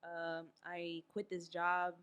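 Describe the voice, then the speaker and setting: A young woman from Queens, New York, a guest on a casual podcast, telling her story in a relaxed, unhurried way with many fillers. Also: on the low side, smooth. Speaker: guest artist.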